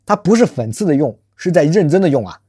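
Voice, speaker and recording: A fast-talking channel host with a medium-pitched, mellow yet slightly rough voice and big pitch swings gives a scripted monologue of social commentary. It's emphatic and rhetorical, with plenty of questions for the audience, and the host uses a nickname when referring to themselves in third person. The recording is dry.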